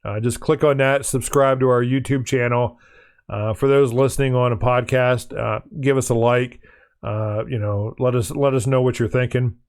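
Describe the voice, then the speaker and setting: A man hosting a podcast, signing off in a rambling, halting way with many ums while he is losing his voice. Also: medium pitch, fairly even intonation, a little mellow. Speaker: podcast host. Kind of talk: casual podcast sign-off. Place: studio.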